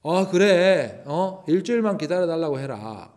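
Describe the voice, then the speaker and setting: A man voicing a tired, poor mother who speaks low and wearily. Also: big pitch swings, a little slow, darkish tone. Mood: weary.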